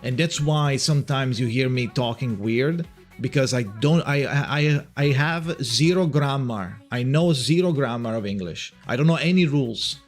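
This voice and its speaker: A young Italian streamer with an Italian accent chats casually on a livestream, rambling, restarting sentences, and swearing now and then. His voice is mid-range at normal speed, with soft background music.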